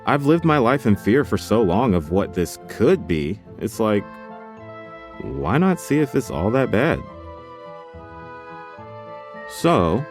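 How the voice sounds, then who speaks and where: A man's voice: medium pitch, darkish tone. A man from North Carolina hosting a narrated documentary podcast, telling it with wry, self-deprecating humor. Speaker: podcast host.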